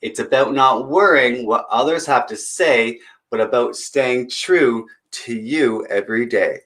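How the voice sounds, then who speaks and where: Reading a picture book aloud, this story time host offers young listeners chatty, encouraging asides. His mid-range voice has a fairly bright tone and moves a little slowly.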